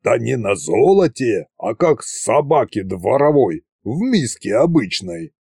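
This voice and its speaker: A man voicing a gruff old male tsar, Koschei, who grumbles slowly in a low, gravelly voice. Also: sing-song, dark tone, no echo, clean studio sound, exaggerated voice. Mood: grumbling. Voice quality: gravelly, slow.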